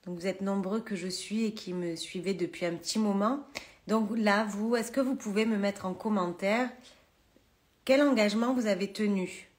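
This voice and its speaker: A woman's voice: mid-range voice, normal speed. A woman chatting live to her viewers from a phone in a holiday cottage, talking freely with many hesitations. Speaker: live streamer and massage trainer. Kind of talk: casual social media live chat.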